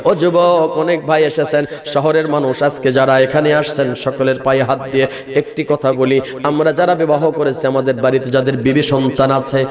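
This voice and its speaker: A man's voice: mid-range voice, little pitch movement, normal speed, a crowd in the background. A man preaching in a chanted sermon, impassioned and sing-song, calling out to his listeners. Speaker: preacher at a religious gathering.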